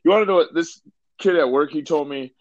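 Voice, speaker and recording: A man's voice: on the high side, brisk, dry recording, muffled recording. A man co-hosting a casual podcast, telling crude, rambling anecdotes. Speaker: podcast co-host. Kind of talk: casual chat.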